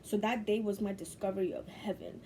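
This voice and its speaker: A woman's voice: medium pitch, fairly even intonation, a little fast, warm tone, slight background noise. A young woman from Bangladesh, a spiritual teacher, telling a personal story to camera in a loose, profane, laughing way.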